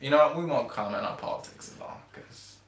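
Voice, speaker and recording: A man's voice: medium pitch, animated, brisk. A young man hosting a casual live stream, rambling and hesitant, with lots of ums. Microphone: camera-mounted mic. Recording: roomy home recording with faint hiss.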